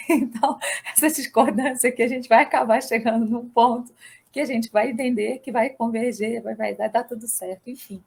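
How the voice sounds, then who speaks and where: Brazilian woman, high voice, chatty reflective tone, lots of little fillers. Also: steady tone, moderate pace, gravelly, a little mellow, husky. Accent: Brazilian Portuguese. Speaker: study group speaker. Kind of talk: reflective casual talk.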